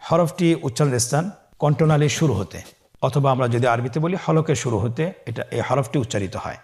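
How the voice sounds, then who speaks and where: A man teaching Quran letter pronunciation step by step, slowly drawing out each letter for the listener to repeat. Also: mid-range voice, a little mellow. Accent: Bangladeshi Bengali. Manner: slow, drawn-out model pronunciations for the listener to repeat.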